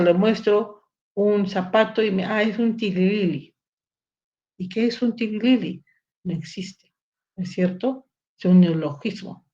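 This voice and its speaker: A woman's voice: mid-range voice, darkish tone, lo-fi sound. A woman giving a neurology lecture, explaining step by step and checking in with rhetorical tag questions. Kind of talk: recorded lecture.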